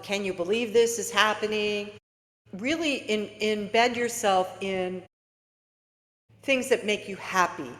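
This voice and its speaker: A woman's voice: medium pitch, in a large hall. A woman who is a guest author on a podcast, talking in an earnest coaching way and often addressing listeners directly. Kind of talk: casual interview talk.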